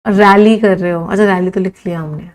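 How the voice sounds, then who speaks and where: A woman teaches a live exam-prep English vocabulary class, listing words one at a time and drawing each out slowly so students can write them down. She counts the words aloud and responds to students' suggestions. Her voice is medium-pitched, a little mellow, and fairly even in intonation, though the audio quality is poor.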